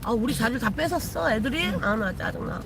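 A woman's voice: on the high side, expressive, brisk, gravelly, noisy background. A woman, a shaman chatting casually with viewers on a live stream from her car, teasing and swearing freely. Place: in a car while driving.

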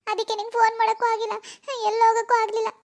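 A woman voicing an anxious teenage village schoolgirl in a cartoon, fretting in hushed scheming asides. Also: very high-pitched, fairly even intonation, quick pace. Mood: tearful complaint. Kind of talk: cartoon voice acting.

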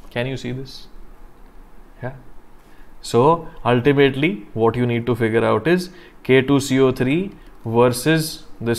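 A chemistry teacher with a North Indian accent leads a live online class step by step in a medium-pitched voice. He is deliberate, repeats himself, and frequently asks questions to check that students follow.

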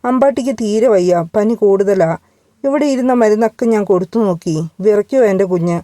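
A woman's voice: mid-range voice, fairly quick, mellow, no room sound, clean studio sound, lightly acted. A woman voicing an earnest, proud young mother who grows anxious, in a storybook reading.

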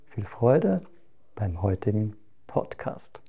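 A middle-aged man hosting a podcast interview, speaking in a relaxed, low-key way as he introduces his guest. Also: slow, slightly rough. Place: temple hall with a Buddha shrine.

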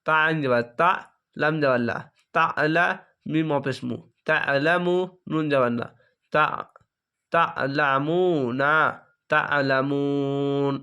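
Slow, clear-voiced man spelling out syllables. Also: a little high, sharp tone. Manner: spells each syllable aloud, then joins them; drawn-out melodic recitation of verses. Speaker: Quran reading teacher. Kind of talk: slow letter-by-letter Quran spelling lesson.

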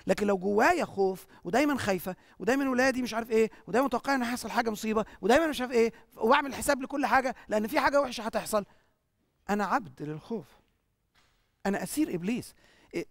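An Egyptian-accented church teacher preaches in a question-and-answer session, firing rhetorical questions and answering them at once. The delivery is rapid, and the voice has a gravelly rasp. The sound is dry and close. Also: mid-range voice, no echo. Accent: Egyptian Arabic.

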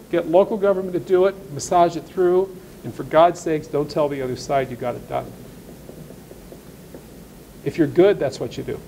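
At an agricultural seminar, a man with a high, slightly mellow voice gives ranchers a folksy, blunt and sarcastic presentation, reading passages of law aloud and then commenting on them. The recording is low quality, with slight background noise.

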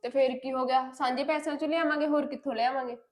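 A high, quick voice belongs to a defiant young wife who shirks every chore and snaps back at everyone, played by a woman. The speech comes fast and pointed, with a bickering tone in a homespun family drama. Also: fairly even intonation, lightly acted. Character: lazy, sharp-tongued young wife. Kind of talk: village family drama acting.

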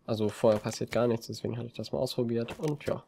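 A man giving relaxed, rambling commentary over a video game from his desk, with frequent hesitations. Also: mid-range voice, fast talker, gravelly, slight background noise. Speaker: let's play gamer. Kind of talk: casual gameplay commentary. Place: home desk. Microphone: desk mic on a stand.

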